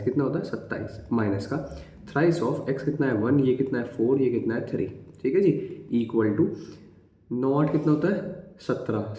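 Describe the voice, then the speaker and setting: A man's voice: medium pitch, mellow. Echoey male maths teacher, chatty. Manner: conversational, checks in with "ठीक है" constantly, counts digits aloud. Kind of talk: exam-prep maths lesson.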